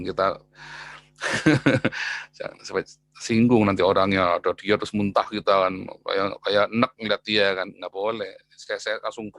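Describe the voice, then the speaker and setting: Animated, exclamatory male preacher. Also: fairly high pitch, dry recording. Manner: animated and exclamatory, with frequent interjections and chuckles. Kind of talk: casual sermon.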